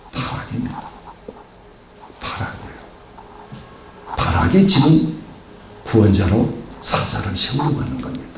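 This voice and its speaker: A man's voice: medium pitch, vocal fry, darkish tone, echoey room, a little hiss or hum. A male pastor delivering a sermon, asking rhetorical questions and acting out the dialogue of biblical figures.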